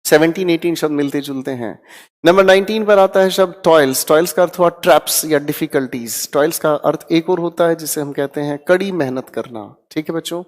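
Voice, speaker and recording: Energetic Hindi vocabulary teacher, reverby hall. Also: male voice, fairly high pitch, a little fast. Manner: energetic, drills words aloud with students, tag "ठीक है". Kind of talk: Hindi vocabulary lesson for exam prep.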